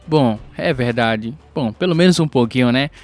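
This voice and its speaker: A man narrating a comic story recap in a casual, animated way, often turning aside to the viewers. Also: medium pitch, normal speed, no echo.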